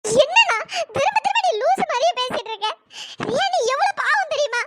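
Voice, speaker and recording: A woman's voice: extremely high pitch, expressive, brisk, heavy background noise. A woman voicing a worried younger sister in a cartoon story, earnest and pleading.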